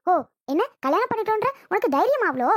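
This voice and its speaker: A voice actor playing a sharp-tongued young bride in a homemade cartoon, speaking Tirunelveli Tamil. She taunts and orders people around. Her voice is very high and rattles along fast. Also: very animated, heavy background noise. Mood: scornful. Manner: taunting, bossy. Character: bossy new bride, sharp-tongued and rude. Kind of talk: cartoon voice acting.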